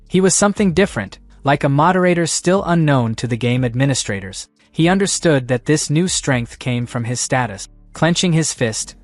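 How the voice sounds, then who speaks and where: A man narrating a comic story recap in a steady, even storytelling voice. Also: medium pitch, no echo. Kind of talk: scripted narration.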